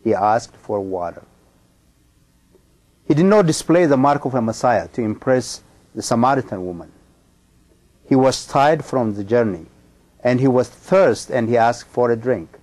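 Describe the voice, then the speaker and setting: A middle-aged man from Ethiopia giving a sermon, speaking in a measured, emphatic way with frequent pauses and ums. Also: mid-range voice, expressive, darkish tone. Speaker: pastor.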